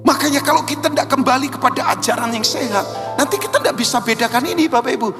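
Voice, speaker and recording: A man preaching a sermon, animated, acting out dialogue and shouting for emphasis. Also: very high-pitched, fast talker, over music. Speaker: pastor. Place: large church hall. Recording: long church hall reverb.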